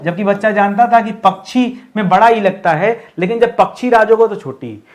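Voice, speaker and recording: A young male Hindi teacher giving an exam-prep grammar lesson, asking questions and answering them himself, repeating words slowly and firmly. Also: high voice.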